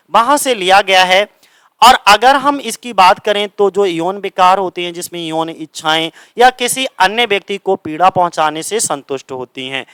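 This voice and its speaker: High, bright-voiced male teacher quizzing himself. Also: clear, resonant tone, dry recording. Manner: asks rhetorical questions and answers them himself; reads English lines slowly, then explains in Hindi. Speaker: coaching teacher. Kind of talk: exam-prep lecture.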